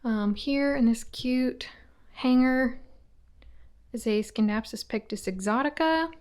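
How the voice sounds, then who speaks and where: A woman's voice: a little high, moderate pace, a little mellow. A woman giving a casual tour of the houseplants in her small old house, naming each one as she walks and sometimes slipping into a whisper. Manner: chatty, names plants as she walks, drops to a whisper at times. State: out of breath. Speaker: plant vlogger.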